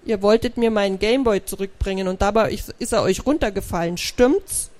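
A woman voicing a young schoolboy who speaks softly to his little friends. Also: medium pitch, brisk, natural voice. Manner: soft-spoken. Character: young schoolboy, sad then relieved.

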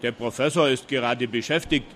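A man's voice: mid-range voice, a little fast, fairly bright tone, slight background noise, lightly acted. A man voicing a bumbling, curious male lab assistant who mumbles to himself, in a storybook reading. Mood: mumbling.

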